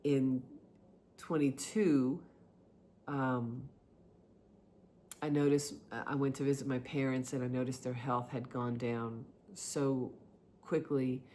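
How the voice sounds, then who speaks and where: A middle-aged woman speaks very slowly in a personal, confessional monologue. She is reflective and halting, breaking her thoughts into short phrases with frequent pauses. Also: rumbling low, warm tone, a little hiss or hum. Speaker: vlogger sharing personal experiences.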